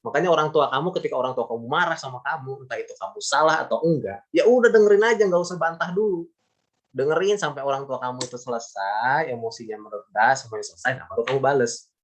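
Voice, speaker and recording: Brief: a male teacher, easygoing and emphatic, repeating key points to students in a mid-pitched voice. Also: fast, fairly bright tone. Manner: chatty, repetitive, emphatic, gives everyday examples. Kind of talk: casual classroom lesson.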